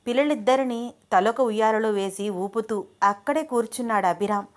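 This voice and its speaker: A woman storyteller narrating a romantic family story in a steady, expressive reading voice. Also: fairly high pitch, normal speed.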